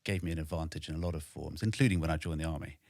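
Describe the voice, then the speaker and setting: Low-pitched man in his forties, measured guest, dry close sound. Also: vocal fry, darkish tone, dry recording. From Wales. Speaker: podcast guest, army veteran. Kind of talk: casual interview. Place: home studio in a flat.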